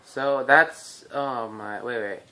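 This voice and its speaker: A man's voice: medium pitch, slow pace, over music. A man giving chatty, joking commentary while playing a video game, thinking aloud. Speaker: gameplay commentator. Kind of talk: casual let's-play commentary.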